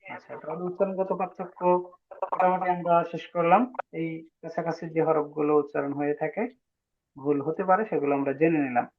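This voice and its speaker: A man leads an online pronunciation lesson, stretching each sound slowly and asking students to repeat. His voice sits high. It comes through a tinny, phone-like line. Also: fairly even intonation. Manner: patient, drawn-out demonstration of sounds, calls on students. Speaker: Arabic alphabet teacher. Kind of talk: online class teaching pronunciation.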